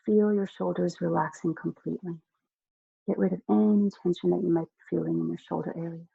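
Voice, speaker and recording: A hypnotist guiding a listener through slow, soothing relaxation, giving soft instructions with long pauses. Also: medium pitch, fairly even intonation, creaky, husky, no echo, phone-quality sound. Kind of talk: guided relaxation hypnosis script.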